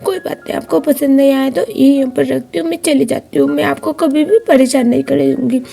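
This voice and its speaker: A woman voicing a young amnesiac woman who pleads softly and is close to tears. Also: sits high, fairly even intonation, fairly quick, gravelly. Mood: pleading.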